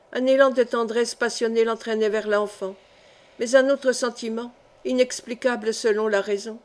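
Measured woman audiobook narrator. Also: on the high side. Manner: measured, expressive reading. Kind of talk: scripted narration of a historical novel.

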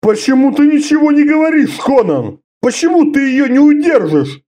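A grizzled old one-eyed fighter, as a male narrator puts him on, drunk and slurring his words. He blusters and bellows with a lively, rising voice. The whole thing sounds like a read-aloud storybook. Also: high voice, unhurried, voice pushed up. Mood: outraged. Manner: blustering, loud.

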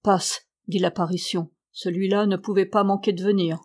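A woman's voice: mid-range voice, moderate pace, natural voice. Woman reading as a commanding young ghost. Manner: brief, imperious, calm. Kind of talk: audiobook reading.

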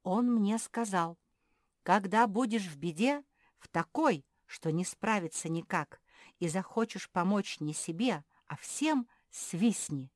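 A woman's voice: mid-range voice, lively intonation, slow pace, no room sound, clean studio sound, voice pushed up. A woman voicing a timid, nervous female animal in a storybook reading. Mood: excited.

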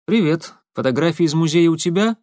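A man's voice: a little high, expressive, fairly quick, a little mellow, no room sound, voice pushed up, close to an everyday voice. Sly male interrogator, mocking and persistent, as a narrator puts him on; dry close sound. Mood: mocking pressure. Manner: sarcastic, pressing questions.

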